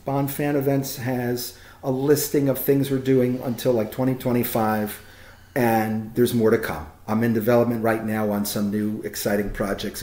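A man speaking with warm enthusiasm, his voice climbing when he gets excited. He talks in an expansive, animated way, and the room around him has a noticeable echo. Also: fairly low pitch. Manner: animated and expansive, rising emphasis. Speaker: guest, film location tour organizer. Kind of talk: enthusiastic interview talk.

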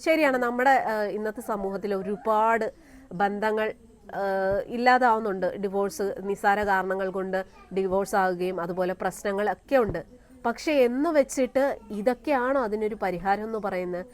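A woman giving a scornful opinion commentary on her vlog, firing rhetorical questions and filling pauses with "aa" and "eh". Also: mid-range voice. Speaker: vlogger.

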